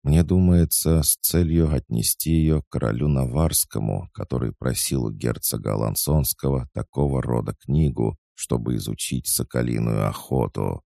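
Scared, evasive male court poisoner, a man doing the voice; raised from a very low, dark base, sounding close and dry. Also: normal speed, creaky, hardly any pauses, no echo. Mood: pleading. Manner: pleading, evasive. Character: frightened cunning male royal poisoner, fawning. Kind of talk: audiobook reading.

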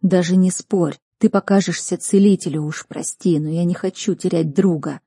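Lady doing a firm young guy protecting his friend, hissy, low and dark. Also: fairly even intonation, normal speed, slightly rough, dry recording, clean studio sound. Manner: firm, hissing.

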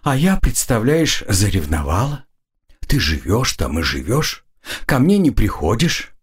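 A man's voice: on the low side, huge pitch swings, a little slow, breathy edge, exaggerated voice. A man reading the lines of a teasing, playful village aunt in an audiobook.

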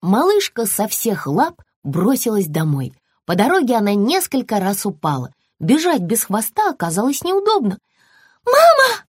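Живая рассказчица сказок. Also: female voice, medium pitch, moderate pace, hardly any pauses, slightly rough, no room sound, clean studio sound. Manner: expressive, lively. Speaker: storyteller. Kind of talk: scripted storybook narration.

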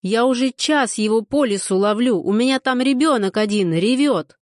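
Женщина-чтец озвучивает грубоватого деревенского мужика, говорит медленно и с нажимом, будто рычит. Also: female voice, a little high, lively intonation, moderate pace, a little mellow, no echo, studio quality, close to an everyday voice. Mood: gruff. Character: gruff rural man, grumpy and blunt.

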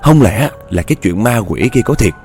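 A man's voice: fairly low pitch, expressive, normal speed, darkish tone, faint music behind. A man playing a worried older mother who presses her husband for answers. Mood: insistent. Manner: demanding, worried. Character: anxious older mother, insistent.

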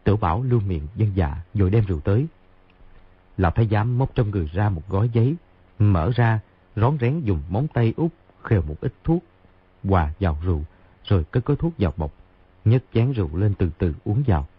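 A man narrating a martial-arts novel in an expressive, brisk storytelling way. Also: fairly low pitch, slightly rough. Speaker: audiobook narrator. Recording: tinny phone-like sound.

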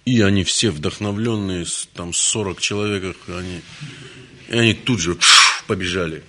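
A man's voice: low-pitched, normal speed, pushed and bright. A man giving a devotional lecture in a conversational, storytelling manner, often restarting his words. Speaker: spiritual lecturer.

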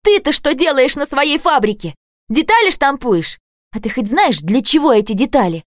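A woman's voice: mid-range voice, moderate pace, a little mellow, no echo, studio quality, pitched above the performer's own voice, close to an everyday voice. A woman voicing a sensitive, earnest teenage girl who pleads and argues indignantly in an audiobook.

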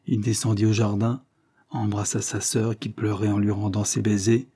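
Husky low-voiced male audiobook narrator. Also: mellow. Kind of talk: scripted narration of a classic novel.

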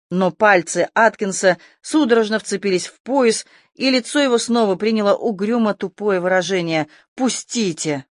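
An audiobook narrator reading a tense adventure story with steady, scripted delivery. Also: medium pitch, dry recording, studio quality.

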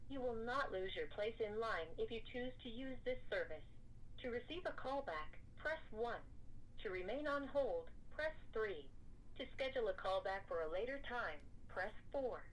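A woman reading scripted automated phone menu prompts in a measured, formal manner. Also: medium pitch. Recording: noisy telephone line recording.

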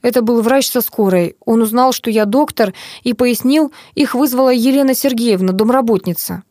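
A woman reading a first-person novel aloud as an audiobook narrator, calm and measured. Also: on the high side, no echo, clean studio sound.

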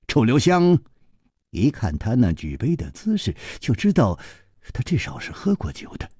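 A man reading a story aloud as a storyteller, expressive, with his delivery swinging from loud to hushed. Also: mid-range voice, moderate pace, breathy edge, no echo, studio quality.

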